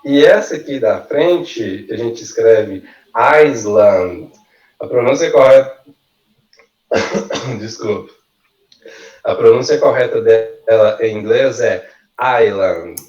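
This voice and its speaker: A man teaching an online workshop, saying words slowly and clearly for students to repeat. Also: mid-range voice, darkish tone, roomy sound, recorded from a distance, highs cut off. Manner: slow, careful model pronunciations for students to repeat. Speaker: language teacher. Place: video call.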